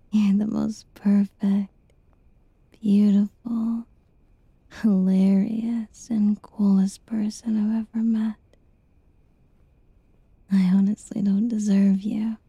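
A woman whispering a tender, reassuring girlfriend roleplay in a soft, soothing ASMR style. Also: medium pitch, flat delivery, slow, vocal fry, long pauses, slightly rough, no room sound, muffled recording.

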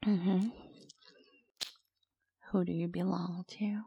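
A woman in a whispered intimate audio roleplay, talking slowly in a soft cooing manner close to the microphone. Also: fairly low pitch, flat delivery, gravelly, husky, dull audio. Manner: slow, cooing, mostly whispered.

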